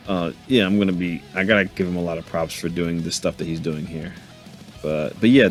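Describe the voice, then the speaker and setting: A man with a low, deep voice talks through his gym workout in a relaxed, joking way, laughing to himself now and then. Faint music plays under his voice-over. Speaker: fitness vlogger narrating his workout. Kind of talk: casual voice-over commentary.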